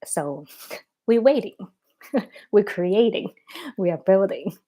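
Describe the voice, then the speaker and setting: Casting: woman, thirties, mid-pitched, easygoing livestream host, loose and filler-heavy. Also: expressive, slow, warm tone. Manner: chatty, frequent "like" and "um" fillers, laughs between thoughts. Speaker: spiritual teacher answering viewer comments. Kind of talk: casual livestream chat.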